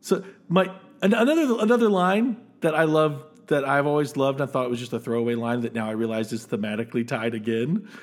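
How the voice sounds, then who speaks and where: A man's voice: medium pitch, fast talker, few pauses. A man co-hosting a casual film podcast, rambling and acting out quoted lines as he talks. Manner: animated, rambling, often restarts and acts out quoted lines. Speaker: podcast co-host. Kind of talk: casual film-discussion chat.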